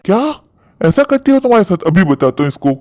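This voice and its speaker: A performer voicing a caring father in a cartoon story, gentle with his daughter and stern with his wife. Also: medium pitch, fast talker, no echo, studio quality, lightly acted. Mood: angry. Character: caring father, adult man.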